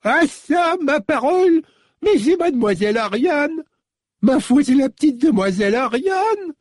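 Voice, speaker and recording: A man doing a shrill, quavering very old woman. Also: big pitch swings, measured pace, no echo, clean studio sound, exaggerated voice. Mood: astonished. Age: 70s to 80s (figure). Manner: high quavering old-lady voice. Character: very old hunched woman, gruff but fond.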